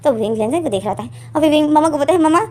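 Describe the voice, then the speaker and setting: A woman retelling a fan-fiction story, narrating in a steady, explanatory way. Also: sits high, rapid-fire.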